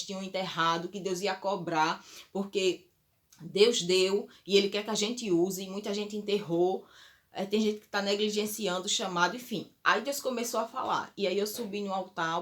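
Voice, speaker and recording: Earnest woman giving a testimony. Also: medium pitch. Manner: emotional, earnest storytelling addressing viewers. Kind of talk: personal religious testimony.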